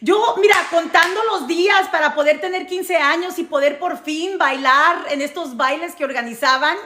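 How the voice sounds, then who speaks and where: A storytelling vlogger from the United States who grew up in New Jersey casually tells her followers a personal story, speaking with a Mexican Spanish accent. Her very high, bright voice is forceful at a moderate pace, and she emphatically repeats phrases and checks in with listeners. The audio is reverberant with slight background noise.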